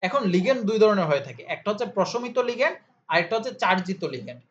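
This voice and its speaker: A chemistry tutor speaks in rapid-fire bursts, his high, fairly bright voice very animated. In this informal lesson he asks and answers his own questions and repeats key terms as drills. A faint hiss sits under the slightly dull audio.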